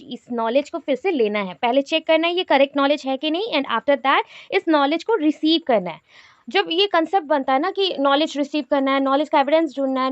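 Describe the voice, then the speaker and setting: A woman's voice: sits high, no room sound. A woman teaching an online class, explaining in mixed Hindi and English, repeating key terms and checking in with her students. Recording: dull lo-fi audio.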